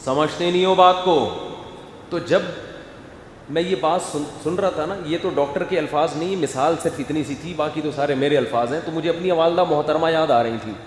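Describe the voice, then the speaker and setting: A man preaches in a lively, storytelling way, his somewhat raised voice jumping from forceful emphasis to quiet asides as he acts out family scenes. He is heard in a lecture hall with roomy echo and a long reverb tail. A faint ambient hum sits beneath him. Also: a little high. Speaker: Islamic scholar giving a talk.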